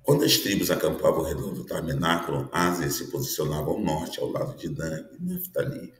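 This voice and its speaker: A man's voice: extremely low pitch, a little fast, roomy sound, a little hiss or hum. A man in his fifties, a pastor, teaching a prophetic sermon in an earnest style, often checking in with his listeners. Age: 50s. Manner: earnest preaching with frequent tag questions.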